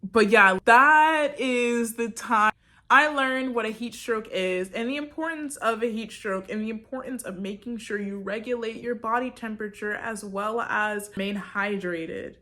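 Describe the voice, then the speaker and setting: A woman's voice: fairly high pitch, measured pace, bright, forceful tone. A young woman vlogger casually telling a story, chatty, with lots of "like," acting out her own reactions.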